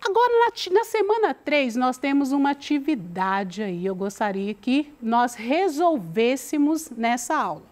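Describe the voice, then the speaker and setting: Slow, high-voiced teacher. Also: female voice, animated, a little mellow. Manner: slow, deliberate, reads the text aloud and asks the student questions. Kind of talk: recorded remote lesson.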